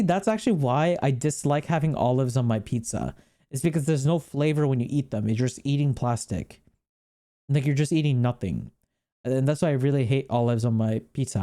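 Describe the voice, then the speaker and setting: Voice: medium pitch, normal speed, warm tone. A streamer in casual livestream chat, rambling, laughing often and swearing freely while talking to viewers. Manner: chats with viewers while reacting on screen.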